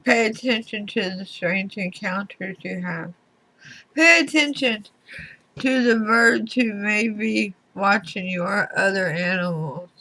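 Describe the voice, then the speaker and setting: A woman giving a tarot reading to viewers in deliberate short phrases, her speech slightly slurred as if from a swollen mouth. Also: mid-range voice, bright, forceful tone, rough recording. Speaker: tarot reader.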